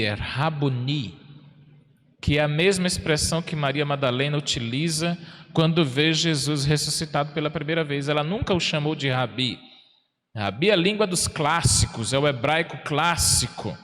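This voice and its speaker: A man with a Brazilian Portuguese accent, a parish priest preaching a sermon in a church, folksy and plain-spoken, asking the congregation questions and slowing down for emphasis. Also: a little high, a bit bright. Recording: long church reverb.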